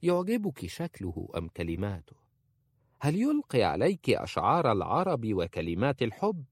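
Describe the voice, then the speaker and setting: A man's voice: mid-range voice, wildly swooping pitch, normal speed, husky, no room sound, clean studio sound, voice pushed up, heavily acted. Man voicing a harsh, scornful old woman. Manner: sharp-tongued, scolding.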